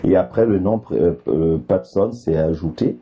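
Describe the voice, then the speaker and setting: A man's voice: deep voice, a little slow, warm tone. A man from Côte d'Ivoire, a guest artist in an interview, talking with frequent hesitations and restarts. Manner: hesitant, with many fillers and restarts. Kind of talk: interview conversation. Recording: slightly dull, faint background noise.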